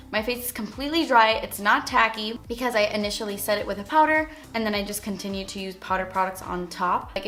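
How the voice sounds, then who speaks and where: A woman's voice: a little high, a bit bright. A young woman talking casually through a makeup tutorial as a beauty vlogger, chatty and full of "like" fillers.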